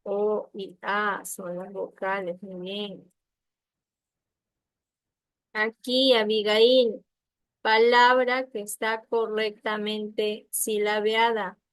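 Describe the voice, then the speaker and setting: Slow, patient woman teaching online. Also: medium pitch, little pitch movement, no room sound. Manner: slow, patient, checks understanding with frequent questions; sounds out words syllable by syllable. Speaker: primary school teacher. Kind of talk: online spelling lesson. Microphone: computer mic on a video call.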